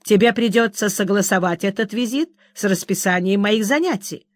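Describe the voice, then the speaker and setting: A woman reading the part of a placid, self-absorbed middle-aged mother who talks calmly and dismissively, in a dry recording. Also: mid-range voice, normal speed, no room sound, close to an everyday voice. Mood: brisk. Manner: serene, calm and dismissive.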